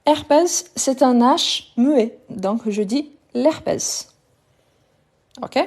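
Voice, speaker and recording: A woman's voice: high-pitched, takes it slowly, a little mellow. A woman teaching a live online French lesson, patiently repeating each word to drill pronunciation and speaking directly to her viewers.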